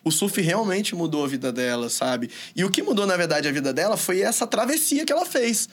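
A man's voice: high-pitched, sing-song, brisk. A man hosting a casual podcast, talking reflectively about fear, symbols and the sea. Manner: reflective, draws on symbols and psychology. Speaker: podcast host.

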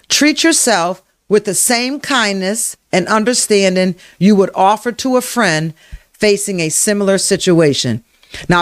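A workshop leader running a live self-help session, speaking to viewers by name, repeating affirmations slowly and guiding breathing exercises. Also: medium pitch, no room sound, studio quality. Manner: slow, emphatic, repeats affirmations and guides breathing. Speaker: emotional wellness workshop leader.

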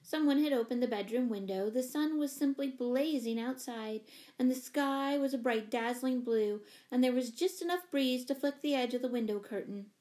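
Woman narrator, fairly high voice, clear measured reading, audiobook storytelling. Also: darkish tone, poor audio.

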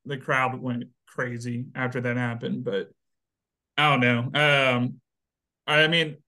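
A man with a drawl co-hosts a relaxed football podcast. He keeps things loose and chatty, breaking into laughs as he talks. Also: medium pitch. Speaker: podcast co-host. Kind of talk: casual sports chat.

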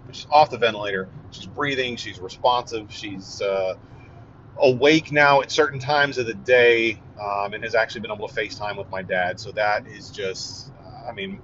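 A man giving a casual, earnest update, halting with many fillers and restarts. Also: lowish voice, fairly bright tone. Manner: earnest and relieved. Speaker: vlogger giving a family update. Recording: dull lo-fi audio with faint vehicle noise.

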